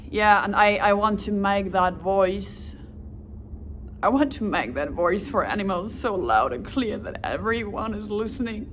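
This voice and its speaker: A native German speaker applying to volunteer introduces herself in a loose, rambling way, correcting herself and laughing lightly as she goes. Her voice is fairly low and fairly bright, with a German accent and a bit of background noise.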